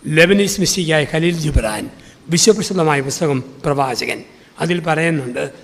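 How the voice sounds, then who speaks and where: Priest preaching in a reverberant hall. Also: male voice, a little high, normal speed. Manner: rhetorical repetition, storytelling. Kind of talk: sermon with humorous anecdotes.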